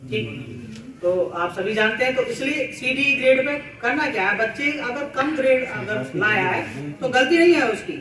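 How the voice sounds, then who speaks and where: A man addresses fellow teachers at a school cluster meeting, explaining at length and repeating words for emphasis. His voice sits high and bright. The room is strongly echoey and the mic is placed well away from him. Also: expressive, moderate pace, recorded from a distance, a little hiss or hum. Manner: explanatory, repeats words, uses everyday examples.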